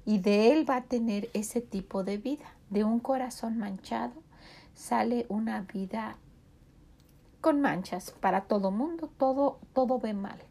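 A woman's voice: a little high, measured pace, gravelly, warm tone. A middle-aged woman with a Mexican Spanish accent giving a devotional sermon talk, earnestly questioning the listener directly.

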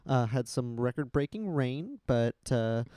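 A man co-hosting a podcast, talking in a relaxed, laid-back way with lots of fillers. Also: mid-range voice, measured pace, clear, resonant tone, no room sound. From Washington state. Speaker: podcast co-host. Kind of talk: casual chat.

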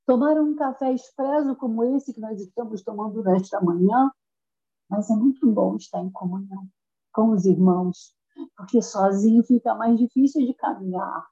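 A woman preaching a sermon with fervent, emphatic delivery that climbs high at its peaks. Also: mellow. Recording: dull lo-fi sound.

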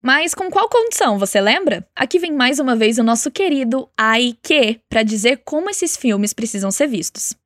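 A woman teaching a language lesson, encouraging and clear, slowing down to model phrases for the listener to repeat. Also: a little high, very animated, fairly bright tone, no echo, clean studio sound. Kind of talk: spoken language lesson with repeat-after-me drills.

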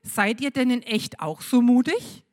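A woman leads a church service for children. She tells a story slowly and expressively, addressing the kids directly. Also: a little high.

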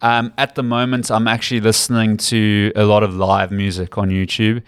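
A man's voice: on the low side, flat delivery, normal speed, clean tone, dry recording, clean studio sound. A man from Africa, a rugby commentator and guest telling stories earnestly in a casual interview. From South Africa. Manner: earnest, explanatory storytelling.

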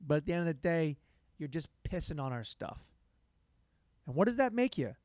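A man's voice: a little high, big pitch swings, moderate pace, no echo. Young guy doing a solo comedy podcast, sarcastic and self-mocking, voice swings all over the place, dry close sound. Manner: sarcastic, self-mocking, jumps between loud bursts and mumbled asides. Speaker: podcast host.

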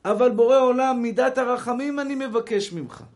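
Male rabbi with an Israeli Hebrew accent, high voice, animated preacher who acts out the dialogue he quotes. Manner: addresses listeners as brothers. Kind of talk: sermon.

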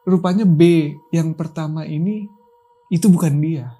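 Guy telling a spooky true story, casual and chatty, low dark tone. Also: steady tone, unhurried, husky. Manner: chatty, keeps checking the listener follows with filler tags. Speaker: guest storyteller. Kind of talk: casual spoken horror story.

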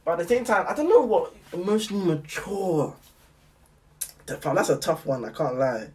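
A man's voice: sits high, sing-song, normal speed, darkish tone, recorded from a distance. A young man with a London roadman accent, musing in slangy casual chat and repeating his phrases. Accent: London, urban roadman slang. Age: young adult.

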